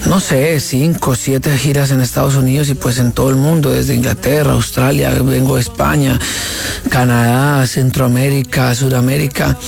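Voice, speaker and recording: A man, a singer-songwriter guest talking casually in a radio interview, relaxed and rambling with restarts. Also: medium pitch, moderate pace, creaky, soft background music.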